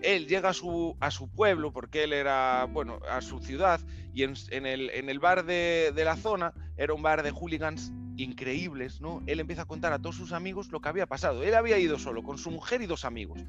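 High-voiced podcast storyteller. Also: male voice, a little fast, hardly any pauses. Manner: animated, slangy, with mouth sound effects. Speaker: podcast host. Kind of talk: casual storytelling. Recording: dull lo-fi with faint music.

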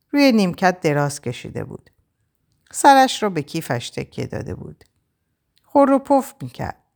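A woman reading a first-person novel aloud as an audiobook, in an expressive, measured manner. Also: deep voice. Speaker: audiobook reader.

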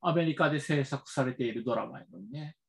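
A man's voice: mid-range voice, quick pace, vocal fry. A man with a Kansai Japanese accent chatting casually on a podcast, mostly giving short reactions. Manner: short reactions, relaxed listener. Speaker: podcast co-host. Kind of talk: casual chat.

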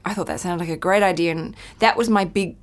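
Lower-voiced woman telling a chatty story. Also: fast. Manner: chatty, tells anecdotes with quoted voices. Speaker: podcast guest. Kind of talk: casual storytelling interview.

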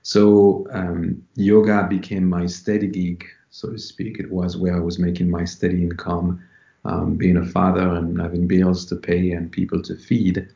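A man in his forties from France, speaking as an interview guest in a relaxed, unhurried way with many ums. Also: sits low, vocal fry. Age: 40s. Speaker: yoga teacher guest. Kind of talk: casual interview talk. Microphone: remote call. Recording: dull, roomy call audio.

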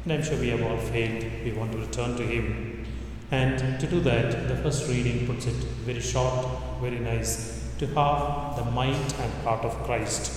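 A male priest reading scripture and preaching at Mass in a solemn, measured liturgical way, his voice ringing with cathedral echo in a large church. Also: mid-range voice, steady tone. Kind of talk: Gospel reading and sermon. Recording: cathedral echo, long reverb, faint noise.

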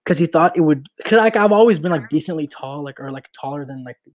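A young man co-hosting a casual podcast, telling anecdotes with frequent laughs and trailing, softer endings. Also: fairly high pitch, animated, fast talker. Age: young adult. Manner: storytelling, laughs mid-sentence, trailing soft. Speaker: podcast co-host. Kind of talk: casual chat.

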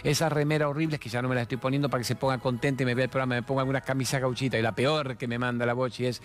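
Playful fast-talking Argentine man in his sixties. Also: medium pitch. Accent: Argentine Spanish. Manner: fast, playful, expressive, jumps between jokes and spiritual reflection. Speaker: TV talk show host. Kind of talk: chatty monologue with humorous anecdotes and sponsor mentions.

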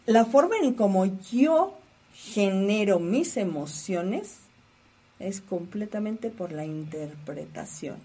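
A woman's voice: medium pitch, lively intonation, slow, warm tone, breathy edge. A woman talking about emotions in a reflective conversation, asking guiding questions like a teacher.

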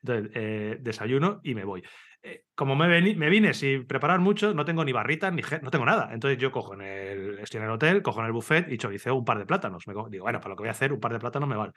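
Man, very rapid speech, casual podcast chat, animated storytelling, laughs and swears. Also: mid-range voice. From Spain. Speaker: podcast host. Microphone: video call.

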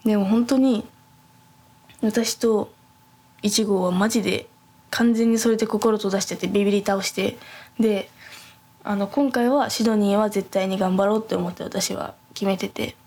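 A soft-spoken young woman chatting casually on a podcast, her voice carrying a gravelly, creaky texture at a middling pitch. She rambles through her story with lots of fillers and restarts. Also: steady tone, normal speed. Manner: rambling, many fillers and self-corrections. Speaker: podcast host.

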